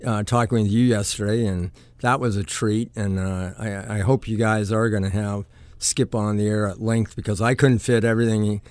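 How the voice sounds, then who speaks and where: Middle-aged male columnist, radio guest, low smooth voice, rambling with lots of fillers. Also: level tone, normal speed, darkish tone, no echo. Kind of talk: casual on-air chat. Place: radio studio.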